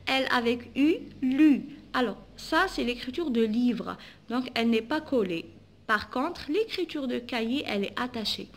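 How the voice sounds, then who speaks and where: Woman teacher, Algerian French accent, slow and deliberate, a little high, drills letters and syllables for young pupils. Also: lively intonation. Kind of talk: phonics lesson for children.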